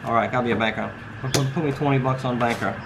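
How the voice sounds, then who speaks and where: A man's voice: medium pitch, steady tone, quick pace. A man giving a casual tutorial in the manner of a casino croupier, calling out hands in clipped dealer phrases. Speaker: instructor demonstrating card dealing. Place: at a card table beside a brick wall and door. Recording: noisy, with ambient background sound.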